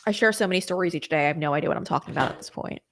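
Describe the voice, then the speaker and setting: A young woman hosting a live stream, chatting casually and rambling through viewer comments with quick apologetic asides. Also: on the low side, fairly bright tone. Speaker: host of a political live stream.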